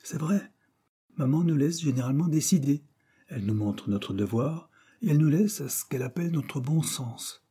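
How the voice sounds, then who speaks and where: Man reading as a sincere polite schoolboy, raised pitch, mellow and husky tone, eager delivery. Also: expressive, moderate pace.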